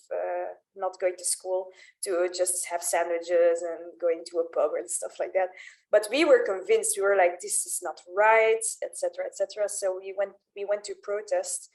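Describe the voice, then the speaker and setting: A woman's voice: medium pitch, a little mellow, poor audio. Woman in her thirties telling a story. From Belgium. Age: 30s. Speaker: panelist. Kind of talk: panel discussion anecdote.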